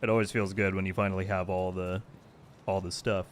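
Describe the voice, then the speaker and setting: A man's voice: sits low, level tone, fairly quick, a little hiss or hum. A man streaming a video game, chatting casually and thanking viewers by name. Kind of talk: casual live-stream chat.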